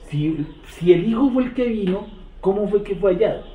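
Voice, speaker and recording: Male Bible teacher, fairly high voice, echoey room, tinny phone-like sound; asks the group questions. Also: expressive. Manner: asks the group questions, repeats verses slowly. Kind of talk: interactive Bible study teaching.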